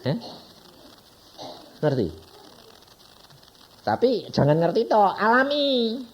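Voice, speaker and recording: A man's voice: high voice, slow pace, dull audio. A man with a Javanese accent preaching a sermon in a chatty style, firing questions at the congregation. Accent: Javanese-accented Indonesian. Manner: lively, conversational preaching with frequent questions to the congregation. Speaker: evangelist preacher.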